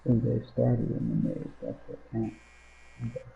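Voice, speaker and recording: A man's voice: mid-range voice, completely flat delivery, moderate pace, creaky. A man in casual, hesitant chat on a bad headset, his voice muffled as if talking into a cup. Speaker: stream co-host. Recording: tinny, phone-like headset sound.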